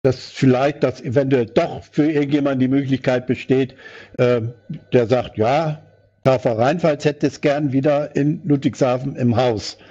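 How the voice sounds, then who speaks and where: A man's voice: medium pitch, fairly even intonation, normal speed, mellow. Man rambling in a lo-fi meeting. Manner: rambling, thinks aloud with fillers. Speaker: party board member. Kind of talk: meeting discussion. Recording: dull lo-fi sound.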